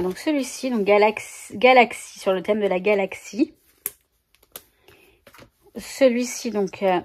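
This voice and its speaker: A woman chatting casually to her viewers as a scrapbooking vlogger, showing new stickers and often correcting herself mid-sentence. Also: mid-range voice. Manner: chatty, self-correcting, talks to viewers while handling stickers. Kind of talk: casual haul video chat.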